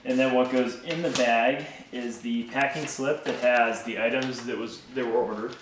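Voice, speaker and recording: This man's mid-range voice keeps a fairly even intonation as he calmly walks through his order-packing process step by step. A small business owner, he sounds relaxed and grateful, while the recording picks him up from a slight distance with roomy echo and faint background noise.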